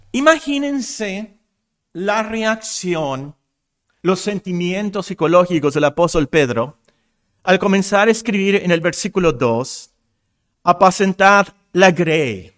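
A male pastor preaching a sermon to his congregation in an expressive way, weaving personal stories into his teaching. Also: on the high side. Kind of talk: expository sermon. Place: church congregation.

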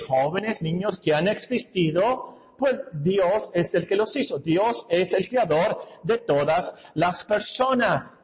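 A man's voice: high voice, in a large hall, low-quality recording. A man preaching a sermon in a teacherly, emphatic way, asking questions and answering them himself.

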